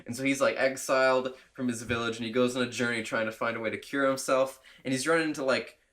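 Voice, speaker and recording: A man's voice: mid-range voice, fairly even intonation, fast talker, fairly bright tone. Rambling, enthusiastic young man. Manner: rambling, enthusiastic, laughs often. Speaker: podcast co-host. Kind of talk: casual movie podcast chat.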